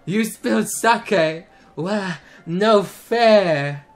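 A man voicing a drunk, pouty young fox-girl character in a visual novel, with a slurred, drawn-out whine. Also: high voice, exaggerated voice.

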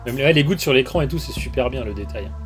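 A man's voice: mid-range voice, expressive, fast talker. A man streaming a game, casually reading the dialogue aloud and reacting with amused asides on a basic microphone. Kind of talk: casual let's-play commentary. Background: faint background music.

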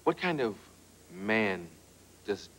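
A man's voice: on the low side, very animated, takes it slowly, fairly bright tone. Talk show host guy, jokey, voice jumps around a lot, noisy studio. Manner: joking, teasing interviewer. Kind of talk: casual chat. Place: television studio.

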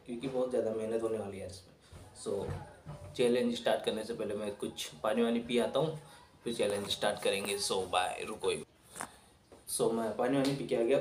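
Young male vlogger, casual chat and steady rapid counting aloud, set back from the mic in a roomy space with light hiss. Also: distant mic. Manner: counting numbers aloud quickly, dropping quieter and lower. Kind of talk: casual vlog chat to camera. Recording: echoey room, voice from off-mic, faint noise.

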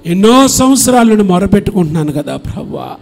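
A pastor from India preaching and leading prayer, moving from soft, murmured urging to loud, impassioned pleading. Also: male voice, sits high, big pitch swings, fast talker, gravelly. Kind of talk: sermon with altar call and prayer. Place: church sanctuary.

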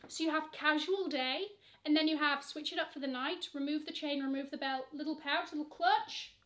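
A young woman from England, working as a fashion vlogger, speaks at normal speed in a high, steady, slightly bright voice. Seated at her camera in a shoe-shelved bedroom, she chats sassily and effusively about luxury online shopping, calling bags "she."

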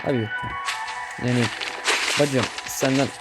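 A man's voice: mid-range voice, fairly even intonation, slow pace. A young man chatting casually while playing a video game, getting easily startled, swearing and joking at what happens on screen. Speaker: gameplay streamer. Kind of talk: casual gameplay commentary. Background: game music.

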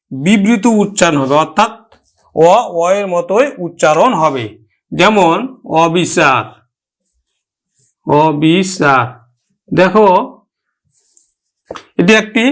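A man with a Bangladeshi Bengali accent teaching a grammar lesson, addressing his students directly and slowly repeating each example word. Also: sits high, fairly bright tone. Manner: slow, drawn-out repetition of example words.

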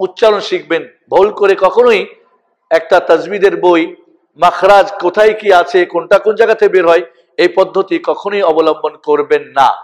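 A man teaching a lesson, slowly calling out each letter name for listeners to repeat. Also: sits high. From Bangladesh. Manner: slow, deliberate, spells out each letter name for repetition. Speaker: Quran teacher. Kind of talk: recitation lesson with call-and-repeat.

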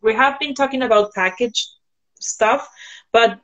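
A woman guest on a video call from home, giving advice in a thoughtful, halting way with frequent fillers. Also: on the high side, fairly even intonation, fairly bright tone, lo-fi sound. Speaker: guest sharing sustainability tips. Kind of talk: casual video-call interview. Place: indoors at home.

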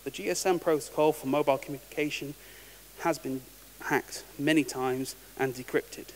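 At normal speed and with a steady tone, a man whose voice leans high presents a technical conference talk. He's casual and wry and keeps restarting words; the large hall makes the recording reverberant, with faint hiss underneath.

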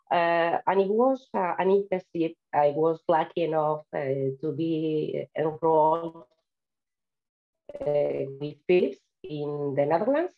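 This deep-voiced woman is an invited speaker from Spain, giving a chatty, friendly online seminar talk through a video call. She has a Spanish accent, uses lots of "uh" fillers, and the recording comes across dull.

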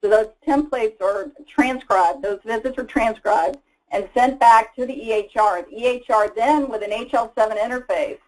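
Woman, webinar presenter, mid pitch, casual explanatory delivery, fillers. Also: low-quality recording. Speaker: product presenter. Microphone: voice-over for slides.

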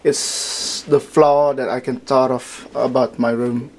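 A man with a medium-pitched, level, slightly mellow voice walks through his indoor collection room. He talks casually and haltingly, with frequent fillers and restarts, into a handheld camera mic.

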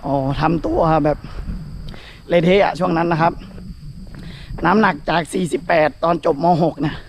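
A man's voice: high voice, creaky, slight background noise. A man from northern Thailand chatting casually to viewers while running outdoors, talking with some effort. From Phayao province, northern Thailand. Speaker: running vlogger. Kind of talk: casual vlog chat to viewers. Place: outdoors along a road.

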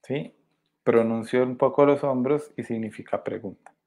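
Teaching a sign language workshop live online from indoors via webcam, a Colombian Spanish-accented man speaks at a moderate pace in a mid-range, darkish voice. He is patient and keeps checking for understanding.

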